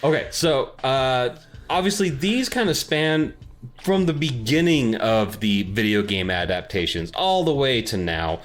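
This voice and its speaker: A podcast host chats casually in an informal, self-deprecating way, his medium-pitched voice very animated at a measured pace. He records in a home office without soundproofing, so the room sounds echoey, with background music running underneath.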